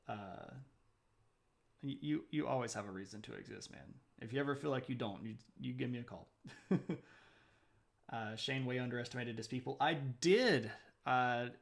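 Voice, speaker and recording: A man's voice: medium pitch, creaky. A man hosting a live stream, chatting casually with viewers, answering their messages aloud and laughing often. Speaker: livestream host.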